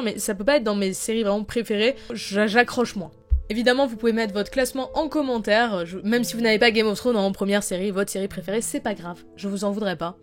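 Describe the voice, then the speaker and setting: Excited woman ranking her favorite series. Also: a little high. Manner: enthusiastic and opinionated, with frequent restarts. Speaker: YouTuber. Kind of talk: casual video review.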